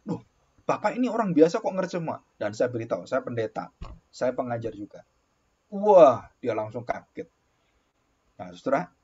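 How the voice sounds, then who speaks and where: A man's voice: mid-range voice, breathy edge. A male pastor telling a story in a sermon, acting out the dialogue with bursts of exclamation. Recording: dull lo-fi recording.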